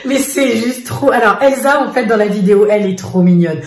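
A woman's voice: medium pitch, a little fast. Chatty woman vlogger in an echoey room. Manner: animated storyteller, lots of fillers. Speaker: vlogger mother. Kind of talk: casual chat. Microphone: face camera.

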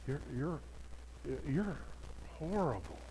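A sly male devil drops to a low hush and sneers at a sinner, as a preacher puts him on in a sermon. The voice sits well above an average man's, and the contempt is quiet, close and taunting. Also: sing-song, takes it slowly, slight background noise, rough recording. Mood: mocking. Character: sly tempting devil, male, mocking accuser.

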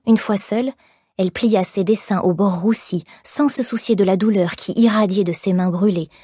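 A woman narrating an audiobook in measured, expressive storytelling. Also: medium pitch, slightly rough, no room sound, clean studio sound. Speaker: audiobook reader. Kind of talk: scripted narration.

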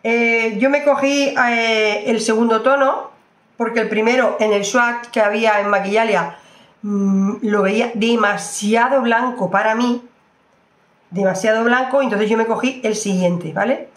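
A woman's voice: fairly high pitch, steady tone, measured pace, echoey room. A woman doing a casual makeup review, chatty and exclamatory, often repeating her phrases. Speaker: beauty vlogger.

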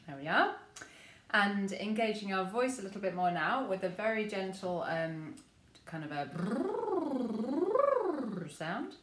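An English woman leading a memory choir through gentle vocal warm-ups, speaking softly and encouragingly with frequent ums. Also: mid-range voice, normal speed, echoey room, slight background noise. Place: room at home with rain on the window.

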